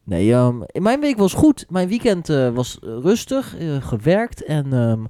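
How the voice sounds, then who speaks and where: Mellow, halting young man. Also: on the high side, huge pitch swings, no echo, studio quality. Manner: hesitant, lots of fillers, wry. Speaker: podcast co-host. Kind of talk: casual chat.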